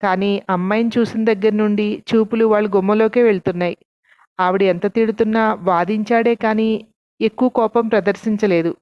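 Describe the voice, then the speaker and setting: A woman's voice: medium pitch, no room sound. A woman narrating a story and reading the characters' lines herself with light voicing. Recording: dull, dry lo-fi sound.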